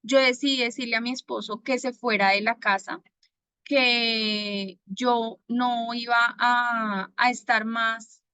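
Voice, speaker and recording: Woman, Bogotá Colombian accent, personal faith testimony, earnest, halting delivery, raised pitch, dry sound. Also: fairly even intonation, bright, forceful tone, clear, resonant tone, no room sound. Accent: Bogotá Colombian Spanish. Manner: earnest, pausing often to gather words. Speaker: testimony giver.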